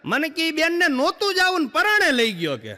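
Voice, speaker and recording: A man's voice: very high voice, huge pitch swings, brisk, noisy background. A male stand-up comedian, telling punchy jokes with rhetorical asides to the crowd. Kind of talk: live stand-up storytelling. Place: live stage show. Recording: echoey hall reverb.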